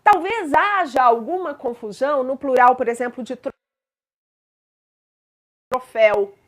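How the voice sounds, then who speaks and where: A woman's voice: high voice, measured pace. A woman teaching grammar in a patient explanatory lesson, spelling out examples and checking in with listeners.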